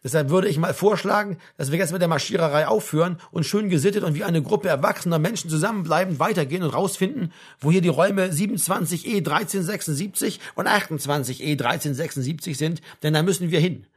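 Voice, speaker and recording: A man's voice: on the high side, fast, few pauses, breathy edge. A man voicing a blunt, short-tempered male sergeant major in an audiobook reading, barking orders. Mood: subdued. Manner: barking, scolding commands. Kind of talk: audiobook character voice.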